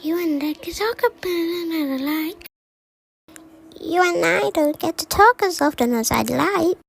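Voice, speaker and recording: A woman's voice: extremely high pitch, expressive, unhurried, creaky, voice pushed up, full character voice. A woman voicing a cocky, hyper little animatronic frog from a game, boastful and playful in delivery. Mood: cocky, excited. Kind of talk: fan recital of game voice lines.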